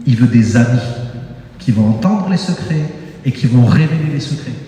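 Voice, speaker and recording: A man preaching a sermon in a church, animated and emphatic, often exclaiming and breaking into laughter. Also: mid-range voice, normal speed. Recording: very echoey church hall with long reverb.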